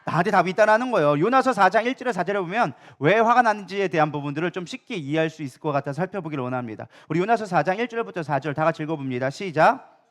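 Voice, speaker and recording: A man preaching a sermon as pastor, animated and acting out quoted complaints. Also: sits high, rapid-fire. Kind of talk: lively sermon.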